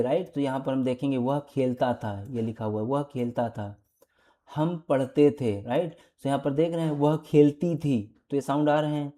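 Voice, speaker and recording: A woman's voice: extremely low pitch, mellow. A woman with an Indian accent teaching an online English grammar lesson, patiently asking and answering her own questions.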